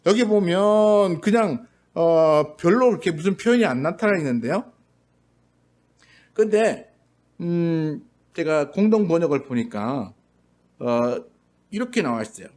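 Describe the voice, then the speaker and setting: A man's voice: a little high, lively intonation, measured pace, a little mellow. A man pastor giving a Sunday sermon in a church, talking in a conversational way and now and then acting out the voices he quotes. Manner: conversational preaching, briefly acts out quoted voices. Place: church sanctuary.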